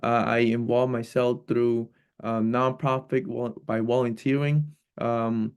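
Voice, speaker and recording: A man in his twenties from Cambodia, introducing himself as a candidate on a video call, talking haltingly with many restarts. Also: medium pitch, flat delivery, a little mellow, clear, resonant tone. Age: 20s. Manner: hesitant, many fillers and restarts. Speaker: political candidate.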